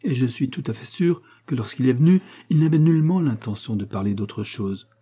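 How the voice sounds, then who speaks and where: Brief: earnest young heroine in a storybook reading, pleading and emotional, dark husky tone, played by a man. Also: mid-range voice, lively intonation, a little fast. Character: young woman, earnest and lovesick.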